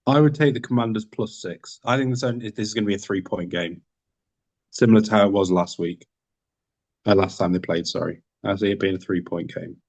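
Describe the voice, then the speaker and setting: A man's voice: fairly low pitch, brisk, darkish tone. A man from the UK co-hosting a podcast in casual chat, laid-back with brief answers. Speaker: podcast co-host.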